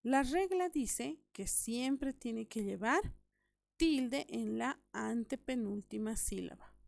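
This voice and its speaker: A woman's voice: on the high side, creaky, a little mellow. A woman teaching a recorded grammar lesson to young pupils, explaining step by step, repeating key points and checking that they follow. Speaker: primary school teacher.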